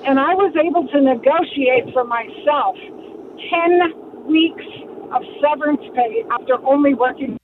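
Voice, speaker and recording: A woman calling in to a radio show on a car speakerphone, telling her story in a plain, unhurried way. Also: sits high. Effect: car speakerphone over a phone line. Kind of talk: casual call-in chat. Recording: tinny phone line with car road noise.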